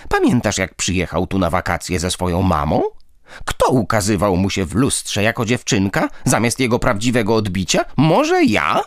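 A man voicing a sharp-tongued old grandmother ghost who scolds and teases. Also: lowish voice, sing-song, normal speed, dry recording, studio quality, voice pushed up. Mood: teasing. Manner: scolding, teasing.

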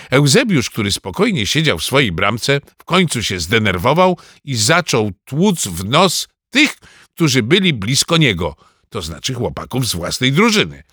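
A man reading a children's story aloud in a lively first-person boy narrator's manner. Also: medium pitch, husky, no echo, clean studio sound. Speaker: audiobook narrator.

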